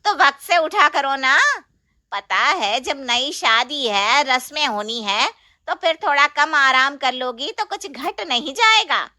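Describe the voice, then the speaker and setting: A woman voicing a scolding, tradition-bound middle-aged aunt-in-law in a storybook, sharp and loud with a nagging, taunting manner. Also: high voice, lively intonation, slow pace, no echo, studio quality, heavily acted. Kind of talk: storybook voice acting.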